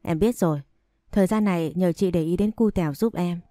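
A woman's voice: fairly low pitch, fairly quick, mellow, no room sound, clean studio sound, lightly acted. A woman reading the lines of a troubled, guarded young woman in an audio story. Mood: resigned.

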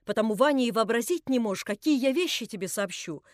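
An insistent, jovial man, as a woman reader plays him in a storybook. He presses his point emphatically, and each phrase is pushed out louder than the narration around it. The voice stays close and dry. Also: a little high, expressive, quick pace, dry recording, close to an everyday voice.

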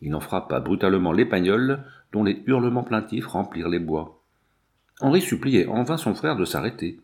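A man narrating a novel in a steady, measured reading voice. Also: on the low side. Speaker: audiobook reader. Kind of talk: scripted narration.

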